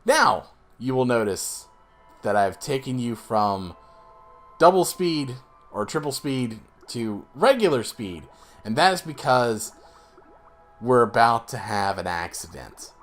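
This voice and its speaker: A man's voice: lowish voice, fairly bright tone. A young man hosting a let's play, explaining the game casually and rambling with lots of fillers and restarts. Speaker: gaming channel host.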